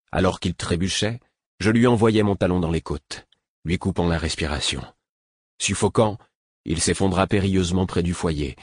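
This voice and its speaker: A male audiobook narrator reads a novel in measured, even first person. His voice sits very low and has a husky edge. The recording is dry and close, with no room sound. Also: no room sound.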